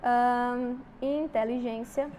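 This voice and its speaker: High-voiced Brazilian woman teaching grammar. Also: fairly even intonation, slow, dark tone, slight background noise. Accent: Brazilian Portuguese. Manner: explains step by step, with frequent "tá?" check-ins. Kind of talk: exam-prep grammar lesson.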